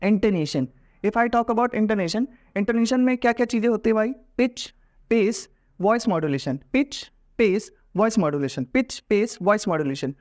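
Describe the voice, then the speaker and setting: A man's voice: sits high, lively intonation, measured pace. A man with an Indian accent teaching a lesson in a casual, explanatory way, mixing Hindi and English. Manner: explanatory, mixes Hindi and English, acts out example voices.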